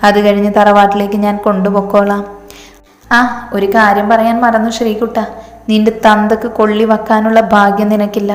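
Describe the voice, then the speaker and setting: A woman's voice: mid-range voice, reverberant, in a large hall, lightly acted. A woman voicing a bitter, vengeful middle-aged mother who talks with scorn and grief, in a storybook reading.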